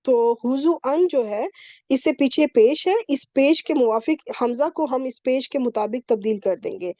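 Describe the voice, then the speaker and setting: A woman's voice: high voice, warm tone, no echo, highs cut off. A woman teaching Quranic Arabic grammar in an online class, explaining patiently step by step and checking in often with her students. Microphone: computer mic on a video call.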